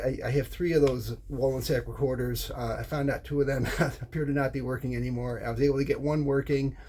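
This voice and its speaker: Speaking off the cuff as a hobbyist presenter, an American man who is middle-aged or older explains something casually, frequently stalling, repeating words and starting phrases over. He has a mellow, mid-range voice.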